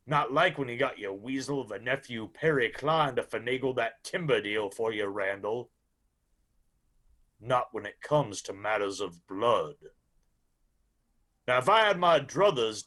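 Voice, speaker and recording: In a radio drama, a man plays a blunt, grimly firm country lawman with an Appalachian accent. His voice is medium-pitched and fairly bright, and his manner is measured and folksy.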